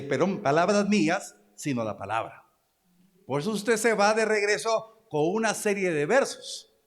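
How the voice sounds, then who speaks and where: A Guatemalan pastor with a high, animated voice preaches to his congregation, pressing for amens and a quick "¿verdad?" between points. His sermon rings with the long reverb of a church hall. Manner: exhorting, calls for amens and agreement from the congregation.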